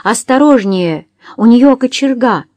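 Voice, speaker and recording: A woman's voice: medium pitch, very animated, a little slow, no room sound. A woman voicing a timid young woman who is anxious and cries out sharply when alarmed.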